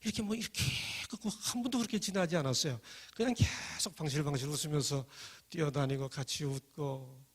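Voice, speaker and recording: Husky middle-aged man telling a story. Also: a little high, fairly quick, few pauses, big-room sound. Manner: lively, acts out quoted voices. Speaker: speaker giving a personal testimony. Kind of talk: storytelling testimony talk.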